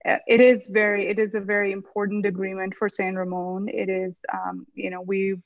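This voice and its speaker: A woman council member speaks over a video call whose audio keeps breaking up. Her voice is flat and level, heard dry and dull through lo-fi sound. She talks haltingly, stopping and restarting often. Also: medium pitch, vocal fry, no echo. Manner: halting, with many fillers and restarts. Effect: audio breaking up over a bad internet connection. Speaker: vice mayor on a city council. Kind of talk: council meeting remarks.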